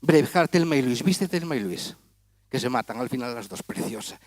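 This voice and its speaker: A man's voice: medium pitch, expressive, fairly quick, dry recording. A man doing comic stage patter as a magician, teasing and chatting with volunteers in front of a gala audience. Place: auditorium stage.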